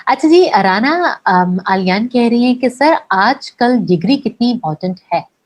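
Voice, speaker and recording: A woman's voice: fairly high pitch, lively intonation, measured pace. A woman hosting a live question-and-answer workshop. She politely reads out viewers' questions and acknowledges the guest with frequent "hmm"s. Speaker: host and moderator.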